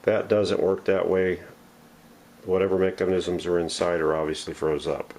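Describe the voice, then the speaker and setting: In a low voice with little pitch movement, a normal speed, and a slightly mellow quality, a man hosts a vintage radio restoration channel. He offers a folksy, self-deprecating, unscripted workshop show-and-tell, recorded casually indoors at home on a camera mic.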